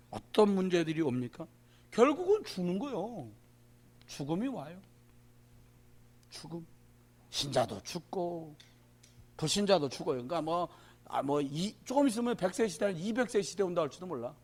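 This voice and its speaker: A man preaching with a high voice that leaps up and down through its range. He is a pastor speaking to a prayer meeting in an emphatic, everyday way, calling out to people in the pews. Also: big pitch swings, normal speed, pauses often, a little mellow. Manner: emphatic, colloquial preaching that calls out to the congregation.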